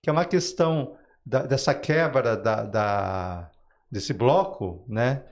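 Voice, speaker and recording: Taking it slowly in a mid-range voice, this Brazilian Portuguese-accented guest author walks through his ideas in an interview. He talks conversationally, leaning on everyday examples and often checking in with tags.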